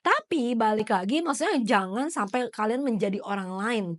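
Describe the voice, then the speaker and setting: A young woman, hosting a casual chat podcast and talking in lively slang mixed with English words. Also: a little high, moderate pace. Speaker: podcast host.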